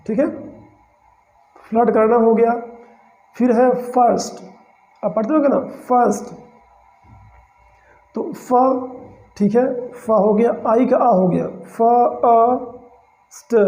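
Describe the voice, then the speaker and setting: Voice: medium pitch, dark tone. A teacher giving a pronunciation lesson, breaking words into single sounds, repeating them, and often checking in with the class. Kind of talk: spoken pronunciation lesson in Hindi. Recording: roomy, slightly dull lo-fi recording.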